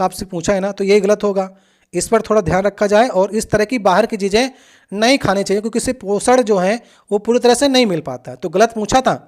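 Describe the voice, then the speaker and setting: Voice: mid-range voice, a little mellow. A coaching teacher patiently talking through past exam questions, addressing the students directly and often checking in with them.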